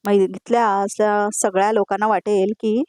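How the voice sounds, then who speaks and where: Woman reading sharp-tongued young wife, talks back curtly, dry recording. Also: mid-range voice, flat delivery, normal speed, no room sound, natural voice. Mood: defiant. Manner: curt, defiant retorts.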